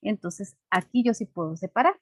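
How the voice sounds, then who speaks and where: A woman's voice: medium pitch, expressive, moderate pace, a bit bright, no room sound. A woman teacher explaining a lesson patiently and simply, checking in with her class through frequent rhetorical questions.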